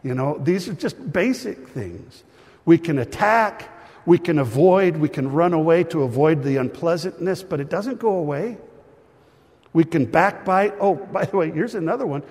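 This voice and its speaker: Husky pastor preaching in a large hall. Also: male voice, a little high, moderate pace. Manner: lively, joking with the congregation. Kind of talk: sermon.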